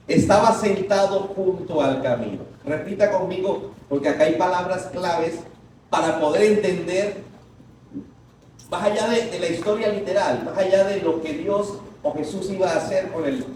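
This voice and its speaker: A man preaching a sermon to a congregation, leading them in call-and-response and breaking into shouted quotes. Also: sits high, slight background noise. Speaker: pastor. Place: large echoing church hall. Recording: echoey distant church recording.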